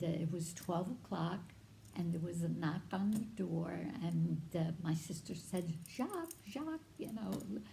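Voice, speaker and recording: An older woman telling her life story as a survivor, in an unhurried, halting way, with fillers and acting out the voices of the people she quotes. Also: fairly low pitch, gravelly, warm tone, slight background noise, low-quality recording. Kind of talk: personal storytelling.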